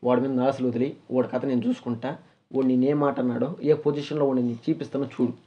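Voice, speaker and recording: A man's voice: medium pitch, little pitch movement, quick pace, lo-fi sound. A man hosting, talking firmly like an older brother, scolding and consoling. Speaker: host. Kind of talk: casual chat.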